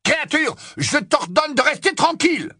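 A man voicing a fierce, commanding teenage boy wizard who fires off sharp demanding questions. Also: medium pitch, sing-song, normal speed, breathy edge, no echo, clean studio sound, pitched above the performer's own voice. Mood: urgent.

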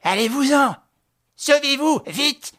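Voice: sits high, slow, fairly bright tone, voice pushed up. A reader voicing a frantic, stammering old innkeeper woman. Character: panicked old female innkeeper.

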